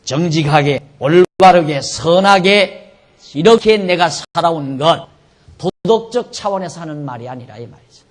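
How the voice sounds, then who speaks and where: A middle-aged man preaching an expository sermon as pastor, emphatic, asking rhetorical questions and swinging between loud and soft. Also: a little high, lively intonation, normal speed.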